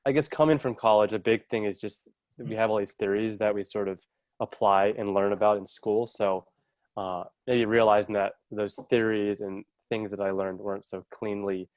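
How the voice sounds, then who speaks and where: A young man in his twenties, a recent college graduate volunteering with a service corps, gives thoughtful, reflective answers, hedging with "I guess" and "sort of." His voice is on the low side and a little mellow, with fairly even intonation, a moderate pace and no room sound.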